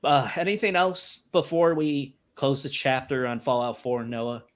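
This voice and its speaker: A man hosting a casual gaming podcast, joking and talking in a lively, animated way. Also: mid-range voice, a little slow. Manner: animated, jokey, puts on silly voices. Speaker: podcast host.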